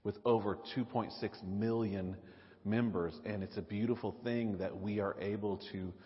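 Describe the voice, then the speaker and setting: A man preaching as pastor, speaking earnestly and pausing often with fillers. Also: fairly low pitch, steady tone. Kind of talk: sermon. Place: church sanctuary. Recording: reverberant hall, slightly dull sound.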